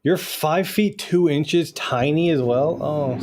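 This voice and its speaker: This gaming streamer is a young man whose voice runs on the high side at a slow pace, with game music and background noise behind him. He chats casually and laid-back while playing, swearing freely.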